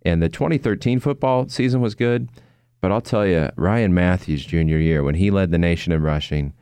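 Very deep-voiced smooth announcer man. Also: normal speed, mellow, no room sound. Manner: earnest, storytelling, reflective. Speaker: sports announcer and guest. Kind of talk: conversational interview.

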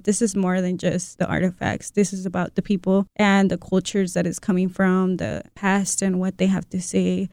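A woman's voice: medium pitch, creaky, darkish tone, dry recording, studio quality. A young woman from Mexico, a student guest, answering interview questions chattily, often laughing and quoting herself. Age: young adult.

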